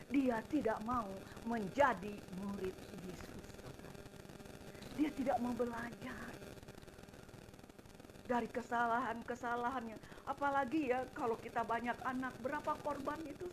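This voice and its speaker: A middle-aged woman preaching an impassioned sermon, swinging between loud emphasis and quiet asides, addressing her congregation directly. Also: on the high side, moderate pace, background noise. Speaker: evangelist preacher.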